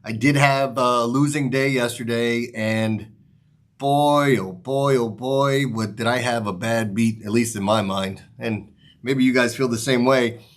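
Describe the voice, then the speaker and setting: A man with a mid-range, fairly bright voice hosts a sports betting show, rambling casually to viewers about his picks with some mild swearing. His articulation is slightly off, as though his mouth were numb from the dentist.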